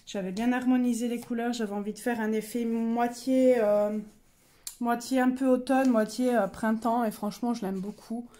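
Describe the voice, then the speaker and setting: A young woman with a slightly high but dark voice casually shows off her coloring pages at a normal speed and a steady tone. She's chatty yet hesitant, filling her show-and-tell with fillers and self-corrections.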